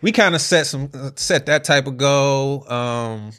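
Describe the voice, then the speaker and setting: A young American man chatting casually in slang, haltingly repeating himself as he works through his thoughts. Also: medium pitch, fairly bright tone. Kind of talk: casual chat.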